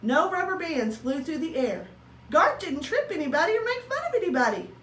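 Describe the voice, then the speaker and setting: Her voice is extremely high, swooping through big pitch changes, brisk and a little bright, as she reads a children's story like a teacher and dramatizes the dialogue. The sound is roomy and distant, with faint background noise.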